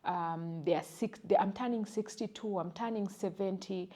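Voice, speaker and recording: A woman's voice: medium pitch, dark tone. A woman in her thirties with a Ugandan English accent, co-hosting a podcast and speaking earnestly and gratefully in casual chat. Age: 30s. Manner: earnest, grateful, slow and deliberate at times. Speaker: podcast co-host.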